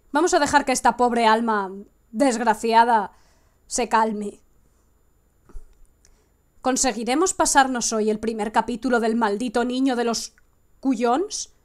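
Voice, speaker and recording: A young woman with a Spanish accent giving excitable live gameplay commentary, swinging from hushed coaxing to sudden shrieks. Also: fairly high pitch. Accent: Spain Spanish. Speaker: gaming streamer.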